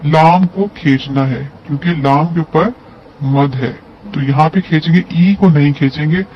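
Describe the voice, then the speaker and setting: A man's voice: a little high, normal speed. A man teaching a lesson on Quran recitation, explaining step by step and drawing out syllables to demonstrate. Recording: dull lo-fi audio with faint hiss.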